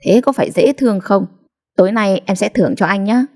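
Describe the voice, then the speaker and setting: A woman voicing a quick-tempered young wife who answers back sharply and indignantly. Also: mid-range voice, darkish tone, close to an everyday voice. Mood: coaxing.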